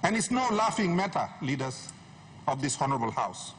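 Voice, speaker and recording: Speaking briskly in a mid-range, sing-song voice with a fairly bright tone, a middle-aged Papua New Guinean MP makes an emphatic, rhetorical address, driving his points home through repetition. The setting is a large wood-panelled parliament chamber, where he stands at a desk gooseneck mic that picks up a lot of noise.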